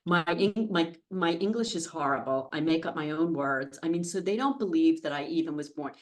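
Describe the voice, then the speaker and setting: Expressive and deep-voiced, this American guest in her fifties talks at normal speed during a casual podcast interview in the studio. She fills the conversation with anecdotes told at her own expense.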